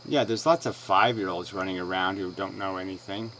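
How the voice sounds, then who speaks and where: A man's voice: low voice, steady tone, fairly quick, noisy background. A man ranting in a sarcastic, dismissive way as he answers another person's video. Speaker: video blogger responding to another video. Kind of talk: combative rant responding to a clip.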